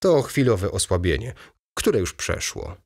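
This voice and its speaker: A man's voice: lowish voice, sing-song, a little slow, a little mellow, breathy edge, full character voice. A man reading an audiobook voices a weary, brooding middle-aged merchant with restrained, terse replies.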